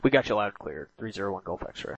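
A man's voice: lowish voice, animated, quick pace, fairly bright tone, dry recording. A man flying as a pilot, calling ground control over an aviation radio transmission and hesitating as he reads back. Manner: hesitant, many uh fillers. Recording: muffled dry radio audio.

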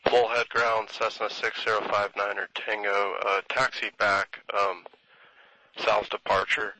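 A man's voice: on the low side, little pitch movement, measured pace, sharp tone. A man speaking as a pilot over a headset radio, making calls in aviation phraseology. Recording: faintly noisy, clicking radio link.

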